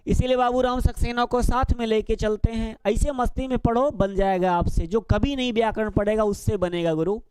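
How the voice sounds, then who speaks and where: High-voiced male grammar teacher, dry and clear. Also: no room sound. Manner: explains step by step with rhetorical questions to students; speaks directly to students, casual and coaxing. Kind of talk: exam-prep grammar lesson.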